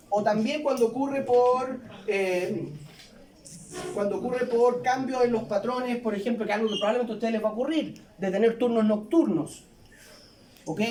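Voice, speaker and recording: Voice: mid-range voice, a little mellow. Physiology lecturer, chatty classroom lecture, lots of tag questions, roomy lecture hall, sounds distant from the mic. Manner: conversational, checks in constantly with tag questions.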